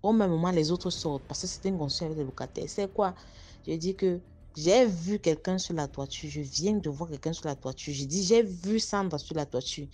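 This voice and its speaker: A woman's voice: low voice, a little fast, warm tone, a little hiss or hum. A woman telling her own story casually, speaking straight to her listeners and painting vivid pictures. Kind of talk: casual first-person storytelling.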